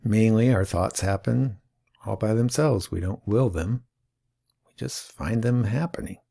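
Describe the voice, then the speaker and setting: A man teaching awareness and breath work in a calm, unhurried talk with long pauses. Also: fairly low pitch, creaky. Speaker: mindfulness teacher.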